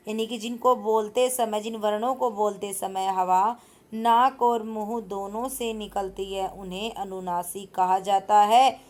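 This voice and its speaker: A woman teacher patiently explaining a school grammar exercise, repeating points and asking her pupils questions. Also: fairly high pitch.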